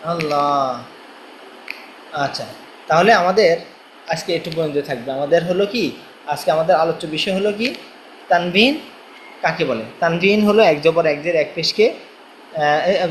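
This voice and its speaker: A man's voice: fairly high pitch, moderate pace, pauses often, slight background noise. A male teacher giving a recorded reading lesson, patiently chanting letter drills line by line. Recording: echoey room, faint ambience.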